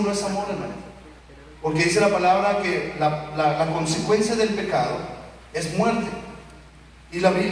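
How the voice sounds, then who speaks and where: A man with a Mexican accent preaching a sermon as pastor, animated, acting out the voices of the people he describes. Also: sits high. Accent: Mexican Spanish. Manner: animated, acts out quoted voices of children and parents. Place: church hall. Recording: echoey hall, speaker far from the mic, faint ambient noise.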